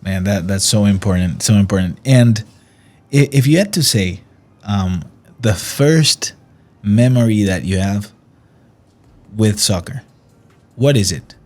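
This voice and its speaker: Lower-voiced male interviewer, encouraging. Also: animated, measured pace, pauses often, a little mellow. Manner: encouraging, repeats and rephrases questions. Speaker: interviewer, host. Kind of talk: conversational interview.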